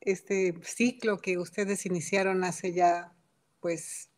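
An older woman raised in Costa Rica chats as an interview guest over a video call. She talks warmly and casually, often restarting her sentences, and sounds like she is in a home study. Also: fairly low pitch, level tone. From Mexico, raised in Costa Rica. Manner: warm, chatty, halting with restarts. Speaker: guest astronomer.

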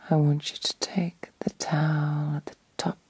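A woman leading an ASMR guided meditation in a whisper, with repetitive, deliberate phrasing and long pauses. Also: low voice, little pitch movement, darkish tone, slight background noise.

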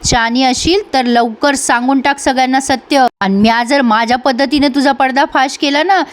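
Woman putting on a menacing ex-convict man, rough village speech, high voice. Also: steady tone, moderate pace, lightly acted.

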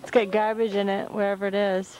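A woman's voice: mid-range voice, flat delivery, brisk, darkish tone, faint music behind. A woman filming her young children on a home camcorder, coaxing them in a sing-song baby-talk voice. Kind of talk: home video narration. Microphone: handheld camcorder.

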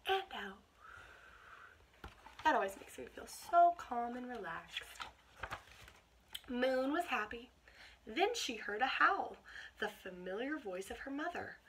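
Speaking in a fairly high pitch, a twentysomething American teacher reads a picture book to children, addressing them with asides and an expressive, encouraging tone. The clip was captured on a home camera mic in a small indoor bedroom, with background noise clearly audible.

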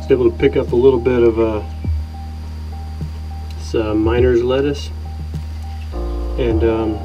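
A man in his thirties talking casually to a camera outdoors, halting and understated. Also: mid-range voice, steady tone, lo-fi sound, over music. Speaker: solo outdoor vlogger. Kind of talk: low-key casual talk to camera. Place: outdoors in a rocky desert canyon.

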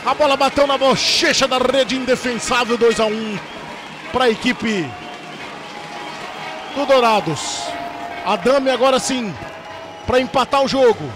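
A Brazilian man calling football in an explosive, excited, dramatic play-by-play style, drawing out his goal shouts. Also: very high voice, measured pace, pauses often, a crowd in the background.

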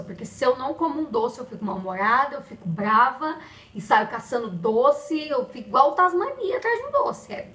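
Young Brazilian woman, vlog host, high bright voice, chatty and animated, echoey room. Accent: Brazilian Portuguese. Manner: chatty, expressive, addresses viewers directly. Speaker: vlogger. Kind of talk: casual pregnancy diary vlog.

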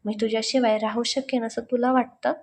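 A woman's voice: on the high side, level tone, brisk, slight background noise, lightly acted. A woman voicing an earnest, devoted young college man who talks in a pleading, heartfelt way. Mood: apologetic.

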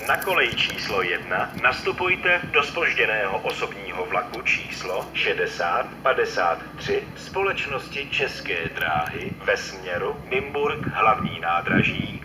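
Guy doing a formal train station announcement on a platform pa, lowish voice, really noisy outdoor recording. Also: lively intonation. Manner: measured, formulaic, impersonal delivery. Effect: public address loudspeaker. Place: open-air railway platform, heard from station loudspeakers.

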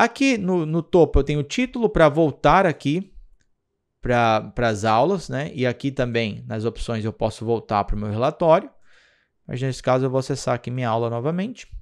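Brazilian male teacher, somewhat high voice, patient tutorial delivery. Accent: Brazilian Portuguese. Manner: patient, explanatory, checks in with "tá?" and "olha só". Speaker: English teacher. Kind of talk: screen-recorded app tutorial.

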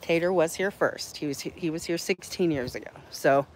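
A woman's voice: low voice, normal speed, slight background noise. A woman chatting casually on a live stream while she tends her horses outdoors, answering viewers and cooing at the animals in baby talk.

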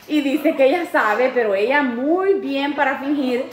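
Woman vlogger, high and unhurried, playful and coaxing, echoey home room. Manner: playful, coaxing, sings and laughs often. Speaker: parrot channel host. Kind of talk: excited talk to camera and to her parrots. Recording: echoey room with faint noise.

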